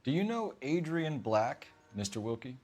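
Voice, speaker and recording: Game role: composed 1940s American detective, formal, probing, lively intonation, mid pitch. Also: male voice, moderate pace. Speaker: police detective in a video game. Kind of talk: acted crime drama dialogue.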